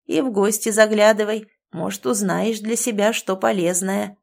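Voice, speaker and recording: Ancient male wolf bookseller voiced by a woman, gruff, slow, dry, wry, storybook reading. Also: mid-range voice, fairly even intonation, darkish tone.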